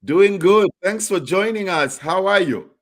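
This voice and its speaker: A man hosting a live online interview, greeting viewers and asking the questions in an upbeat, drawn-out way. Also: sits high. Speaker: host.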